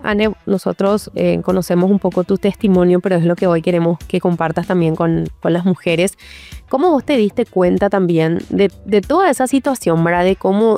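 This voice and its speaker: A woman hosting an interview, encouraging and attentive, with frequent supportive replies. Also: lowish voice. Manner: warm backchanneling, encouraging. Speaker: host. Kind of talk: interviewing, conversational.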